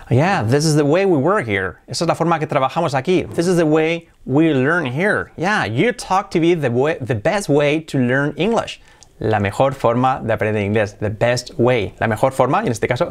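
Man teaching English. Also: medium pitch. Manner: switches between Spanish and slow English examples. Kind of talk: bilingual English lesson.

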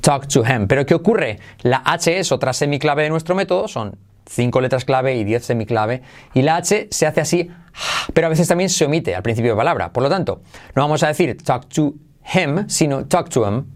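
Upbeat man drilling pronunciation. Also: medium pitch. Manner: energetic, drills words by slow repetition. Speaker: English pronunciation teacher, podcast host. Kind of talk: podcast pronunciation lesson.

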